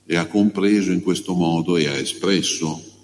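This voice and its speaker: A man, a priest, reading the gospel and preaching a homily in a slow, measured, pausing way. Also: low-pitched. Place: church. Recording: long church reverb, faint hum.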